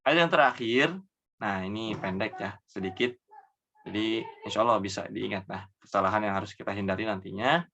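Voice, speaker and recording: A man teaching Quran recitation rules, explaining each mistake, then reciting the words slowly and drawn out, dropping softly at the ends of phrases. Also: fairly low pitch, vocal fry, a little hiss or hum. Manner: trails off softly after each example. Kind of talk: tajwid lesson with slow demonstration recitation.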